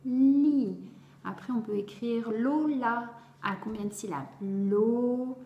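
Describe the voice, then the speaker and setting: A woman tutor explaining how to teach a child to read syllables, sounding each one out slowly and clearly and praising often. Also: a little high, lo-fi sound. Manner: slow, carefully articulated syllables, encouraging. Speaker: reading tutor for young children. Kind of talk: instructional video explaining phonics. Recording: roomy echo.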